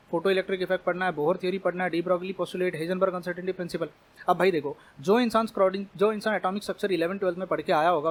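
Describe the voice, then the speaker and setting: A man teaching chemistry in an exam-prep lecture, explaining casually and speaking straight to his students. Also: sits high. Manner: explanatory, conversational, addresses students directly.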